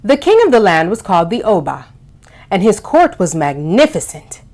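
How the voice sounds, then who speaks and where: A storytime host for young children explains and reads with lots of expression, her pitch very lively and swooping. She keeps a moderate pace. Key words get extra weight and are drawn out long.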